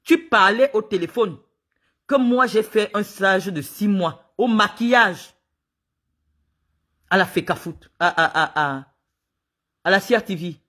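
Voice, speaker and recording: A woman's voice: medium pitch, a little slow, long pauses, a bit bright. A woman from Cameroon, speaking in an indignant, emphatic monologue as she recounts events and acts out the dialogue. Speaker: sports official speaking out. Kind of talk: spoken monologue, recounting and accusing.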